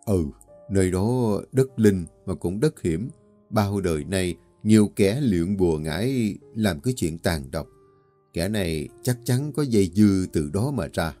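Grave old male exorcist, low mellow voice, slow and authoritative, done by a man narrator. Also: lively intonation, faint music behind.

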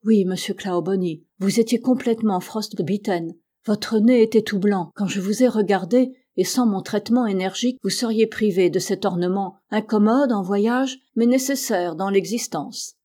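A steady, loyal ship's carpenter answers his superiors plainly and respectfully, as a woman reading aloud puts him on. The voice is warm and mellow, in a storybook telling. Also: mid-range voice, normal speed, hardly any pauses, close to an everyday voice. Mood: earnest.

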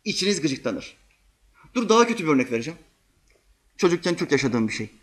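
A man giving a religious sermon, telling vivid stories and acting out quotes, swinging between loud and hushed. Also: on the high side, sing-song, brisk. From Turkey. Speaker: preacher.

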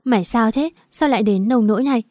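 A woman's voice: on the high side, fast, darkish tone, no room sound, clean studio sound, close to an everyday voice. A woman voicing a blunt, protective young female friend who scolds and urges in an audiobook. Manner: frank, scolding, urging. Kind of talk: audiobook character voice.

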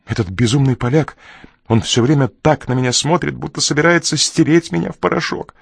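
Male narrator voicing a jittery, terrified man in a storybook, high-pitched and frantic. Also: fairly quick, vocal fry, slightly rough, dry recording, clean studio sound. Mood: fearful. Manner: shrill, pleading, frantic outbursts. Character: panicky nervous man near tears.

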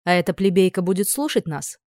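A reader voicing a haughty young nobleman who speaks loudly with tense urgency and cold contempt. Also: medium pitch, animated, quick pace, no room sound, clean studio sound, natural voice.

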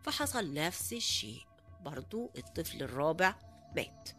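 A woman's voice: sits low, big pitch swings, moderate pace, pushed and bright, faint music behind. Egyptian woman narrating a horror story. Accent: Egyptian Arabic. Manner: conversational, full of hesitant fillers and restarts. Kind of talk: casual spoken storytelling.

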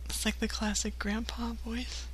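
A woman's voice: on the high side, level tone, moderate pace, slightly rough, low-quality recording. A woman co-hosting a live comedy stream, telling dry jokes. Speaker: co-host.

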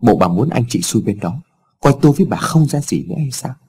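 A man's voice: mid-range voice, animated, a little fast, mellow, breathy edge. A man voicing a stern, wealthy old father in a told story, speaking in harsh, clipped scolding tones.

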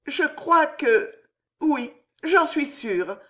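A woman's voice: sits high, very animated, takes it slowly, voice pushed up, heavily acted. A woman voicing a young girl in love who answers her mother earnestly and shyly, in a read-aloud historical novel.

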